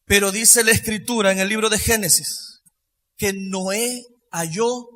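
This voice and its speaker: A man preaching a sermon with emphasis, shifting between quiet lines and loud, half-sung phrases. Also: high voice, steady tone, a little slow. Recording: long reverb of a large hall.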